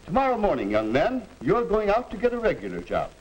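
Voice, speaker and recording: A man's voice: high voice, huge pitch swings, a little fast, full character voice, poor audio. An actor playing a strict, hardworking old-time father who gives orders to his son, in 1950s educational film style. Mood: stern, scolding. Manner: commanding, gruffly strict.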